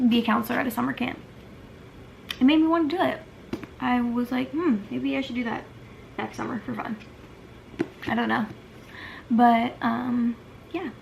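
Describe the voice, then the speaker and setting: Young woman, book vlogger, gushy casual chat, fairly high voice, faint hiss behind. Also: creaky. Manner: gushing, emotional, full of "like" fillers.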